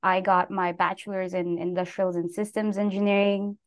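Speaking at medium pitch and a moderate pace, a young Filipina guest talks casually in an interview. She's relaxed, leans on lots of "like" fillers, and laughs between phrases.

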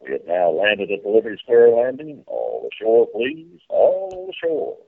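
A man's voice: fairly low pitch, sing-song, normal speed, vocal fry, phone-quality sound, exaggerated voice. A man playing a folksy riverboat captain, making a public-address announcement to passengers in the style of a theme park ride spiel. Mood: formal, courteous.

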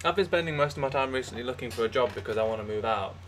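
A man's voice: mid-range voice, very fast. A young man co-hosting a casual comedy podcast, spinning absurd bits with a straight face. He stumbles and restarts as he goes, over a faint hiss of background noise. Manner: deadpan absurd storytelling, restarts. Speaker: podcast co-host.

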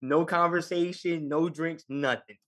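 A man with a New York Puerto Rican accent, a Navy veteran telling stories as a podcast guest, lively and laughing often. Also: a little high, measured pace. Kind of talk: casual storytelling.

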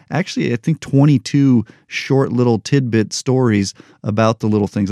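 A medium-pitched, slightly mellow voice belongs to a man in his forties who hosts a motivational podcast. He speaks solo, openly and without a script, with a joking touch. The recording is dry and studio quality.

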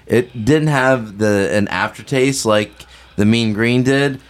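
A man's voice: mid-range voice, takes it slowly. A man on a casual podcast, blunt and jokey, laughing often. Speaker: podcast co-host. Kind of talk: casual tasting chat.

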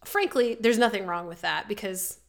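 A woman co-hosting a podcast, talking in a casual, emphatic way and swinging her pitch up to stress a point. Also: moderate pace, vocal fry. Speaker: podcast co-host. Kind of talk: casual chat.

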